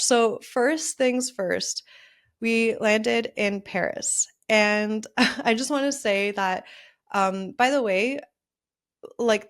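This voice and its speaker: A woman in her thirties hosting her own podcast, talking casually and upbeat to listeners with plenty of "like" fillers. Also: a little high. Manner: chatty and upbeat, with frequent "like" fillers. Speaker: podcast host. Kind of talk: casual solo podcast talk.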